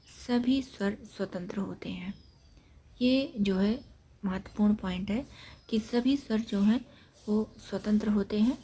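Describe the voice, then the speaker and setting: A woman teaching an exam-prep grammar lesson, explaining point by point and repeating key facts, with trailing syllables that drop to a breathy near-whisper. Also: on the high side, mellow, slight background noise. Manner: repetitive, explains points step by step.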